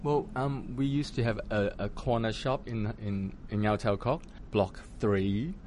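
A man's voice: fairly low pitch, measured pace, noisy background. A man from Hong Kong talking about growing up, hesitant and full of restarts. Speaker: guest. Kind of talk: casual interview talk.

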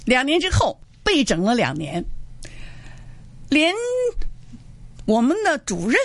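A woman teaching Mandarin, a guest in an interview, telling stories in a cheerful, animated way and laughing often. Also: on the high side, slow pace, no echo. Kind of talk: casual storytelling in an interview.

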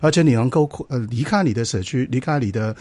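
Fast, husky man with a Cantonese accent. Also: mid-range voice, lively intonation, mellow, no room sound. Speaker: interview guest, fund committee chair. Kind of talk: explanatory interview talk.

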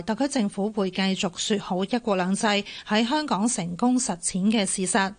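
A woman with a Hong Kong Cantonese accent reading a scripted report as a radio news reporter. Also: mid-range voice.

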